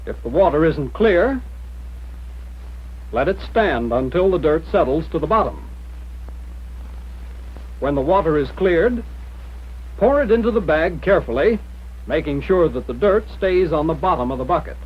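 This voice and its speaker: An American man reading scripted instructions in the formal, measured manner of a 1940s military training film narrator. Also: fairly high pitch, lively intonation, husky. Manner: mid-century newsreel-style narrator, formal, measured instruction. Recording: dull, lo-fi 1940s film soundtrack.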